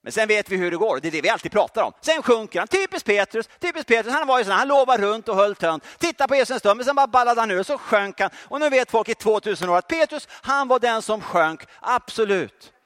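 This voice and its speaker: A male preacher giving a lively sermon, joking and speaking directly to the congregation. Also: sits high, hardly any pauses. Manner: animated, joking, addresses audience directly.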